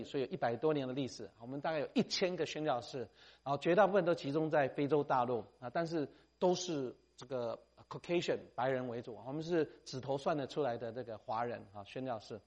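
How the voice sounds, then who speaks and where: Animated preacher man. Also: mid-range voice. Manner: animated, tags sentences with "ha", mixes in English phrases. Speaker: missionary speaker. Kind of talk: sermon.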